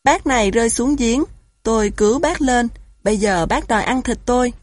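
A woman voicing a simple, kind-hearted male donkey in a storybook, with a husky voice. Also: mid-range voice, expressive, normal speed, a little mellow, dry recording, studio quality. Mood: indignant. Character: foolish kindly male donkey, indignant.

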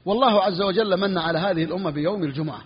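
A man teaching a lesson on Islamic jurisprudence, repeating each phrase for his students and clearing his throat now and then. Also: sits high, rapid-fire. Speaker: sheikh teaching Hanbali jurisprudence. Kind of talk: classroom lesson on a fiqh text. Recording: dull, lo-fi recording with long reverb.

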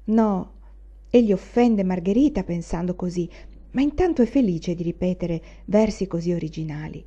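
A woman narrating a classic novel in an expressive, measured way. Her tone is mellow. The recording has a dull, lo-fi sound. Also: fairly low pitch, breathy edge. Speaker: audiobook reader. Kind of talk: literary audiobook narration.

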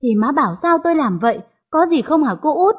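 A woman's voice: high-pitched, lively intonation, moderate pace. A woman voicing a scheming young daughter-in-law, who stammers and pleads. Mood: feigned innocence.

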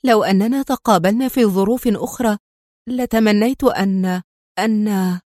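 A woman voicing an admiring, emotional young woman who speaks softly. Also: mid-range voice, normal speed, no room sound, clean studio sound, natural voice. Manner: emotional, soft-spoken.

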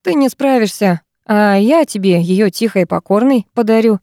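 A woman's voice: mid-range voice, animated, normal speed, warm tone, no echo, studio quality, natural voice. A woman voicing a crude, brutal male kidnapper who snarls lewd threats, in a storybook reading. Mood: menacing.

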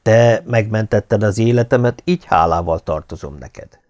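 A man voicing a stately young Inca ruler in an audiobook, speaking in a measured, formal way. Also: lowish voice, a little mellow, muffled recording, close to an everyday voice. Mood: solemn. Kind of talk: audiobook character reading.

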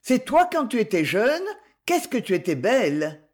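A reader voicing Livia, a curious, excitable older woman who asks eager, anxious questions in an audiobook. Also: medium pitch, moderate pace, pitched above the performer's own voice, natural voice. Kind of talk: audiobook character reading.

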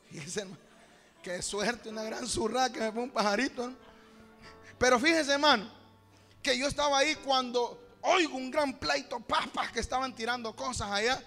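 A man from Honduras, preaching a folksy storytelling sermon and calling his listeners brother, with music playing underneath. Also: high voice. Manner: folksy, keeps addressing the congregation as brother; builds to shouted praise at the end. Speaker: pastor.

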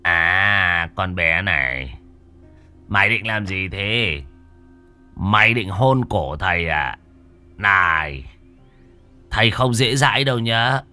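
A man's voice: low voice, lively intonation, slow pace, pauses often, sharp tone, soft background music, heavily acted. A man voicing a panicked middle-aged male exorcist who wails and whimpers in terror. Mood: dazed. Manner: wailing, whimpering cries.

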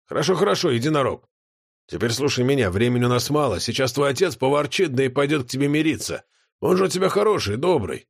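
A man's voice: medium pitch, expressive, fast, creaky, husky, no echo, studio quality. A man voicing a cheeky, potbellied male chaos creature who mocks and lectures in a folksy way. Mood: lecturing.

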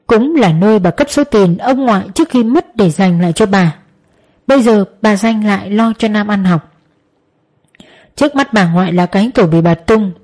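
A woman's voice: mid-range voice, a little mellow. Woman narrating a dramatic story. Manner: emotive, tense storytelling.

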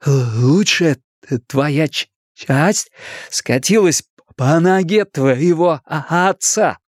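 A shrill, wisecracking show-off boy from a storybook, mocking and clowning with lively, swooping pitch, as a male reader puts him on. The voice leaps high and low, and the recording is dry and close. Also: takes it slowly, dry recording. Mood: teasing.

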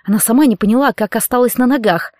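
Female narrator, tense expressive storytelling, fairly high voice, dry close sound. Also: quick pace, no echo. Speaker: audiobook narrator. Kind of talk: scripted narration.

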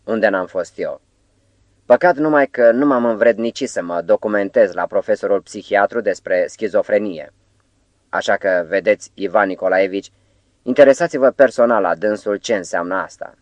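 A man voicing a calm, courteous and knowing foreign professor in an audiobook, speaking in a smooth, politely persuasive way. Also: fairly low pitch, dry recording, natural voice.

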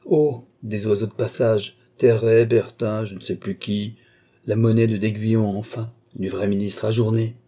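A man's voice: fairly low pitch, little pitch movement, normal speed, dark tone, natural voice. A man reading the part of an eager, boastful male viscount caught up in his own schemes.

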